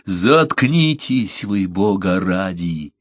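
A man voicing a furious, grieving man, half-mad with rage, shouting in fierce hoarse outbursts in an audiobook. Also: lowish voice, measured pace, no room sound, studio quality.

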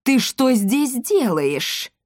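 A woman voicing a hot-tempered male merchant in a storybook reading, loud and indignant. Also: fairly high pitch, animated, unhurried, no room sound, studio quality, pitched above the performer's own voice. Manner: shouting, indignant.

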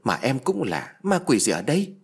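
A carefree young husband who brushes off his wife's fears in a relaxed, breezy tone, as a male storyteller plays him. His voice is slightly husky and moves freely in pitch, told in an audio ghost story. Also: normal speed. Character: cheerful easygoing young husband.

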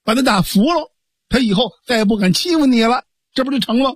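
A man's voice: extremely high pitch, expressive, breathy edge, dry recording, pitched above the performer's own voice, exaggerated voice. A man voicing a righteous young man who scolds and coaxes his foolish sworn brother firmly. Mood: coaxing. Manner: scolding, firm, measured.

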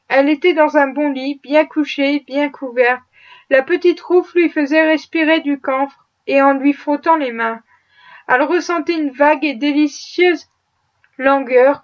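A woman narrating a classic novel as an audiobook, with an expressive storytelling manner. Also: sits high. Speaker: audiobook reader. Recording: muffled lo-fi audio.

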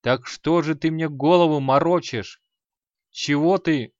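A grim, bearded mage with a short fuse, as a male narrator puts him on, talking gruffly and menacingly through clenched restraint. The audiobook recording is slightly muffled and dry. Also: a little high, unhurried, dry recording, lightly acted. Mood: irritated. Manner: gruff, threatening, barely restrained anger.

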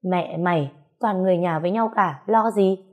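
A woman's voice: on the low side, normal speed, darkish tone, close to an everyday voice. A woman reading a story aloud, voicing a bossy, foul-mouthed older woman. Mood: scolding. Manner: blunt, scolding, swearing.

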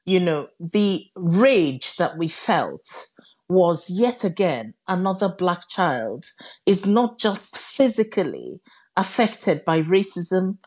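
A middle-aged woman with a lowish voice gives a radio interview. She speaks slowly and emphatically, as an impassioned campaigner. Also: big pitch swings, a little mellow. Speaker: interviewed campaigner, chief executive and professor.

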